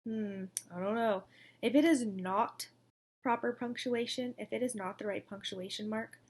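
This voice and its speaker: A woman's voice: fairly high pitch, normal speed, a little mellow. A young woman teaching a recorded lesson to second graders, in an upbeat, coaxing manner. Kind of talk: recorded distance-learning lesson.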